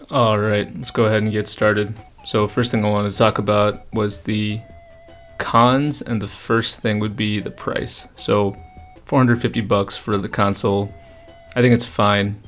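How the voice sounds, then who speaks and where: A man's voice: fairly low pitch, creaky. A man hosting a gaming channel, giving unscripted, opinionated casual commentary with frequent "um" and "I think".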